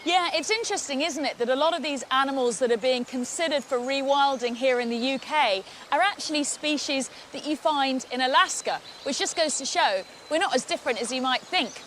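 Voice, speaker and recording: A woman presenter with a fairly high voice speaks as host of a wildlife programme. There is some noise behind her. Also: brisk, hardly any pauses, a bit bright. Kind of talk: wildlife magazine show presenting.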